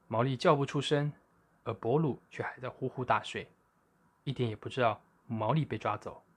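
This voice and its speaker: A male storyteller who reads a children's tale aloud. He keeps his voice at an ordinary middle pitch and tells the story with lively expression. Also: slightly rough.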